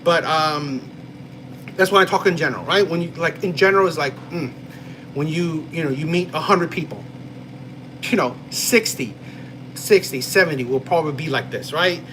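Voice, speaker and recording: A man's voice: on the high side, normal speed, pushed and bright, slight background noise, poor audio. A man from New Jersey hosting a casual live stream and chatting with viewers, rambling with lots of "right?" and "you know". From New Jersey, USA. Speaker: live-stream host reading chat.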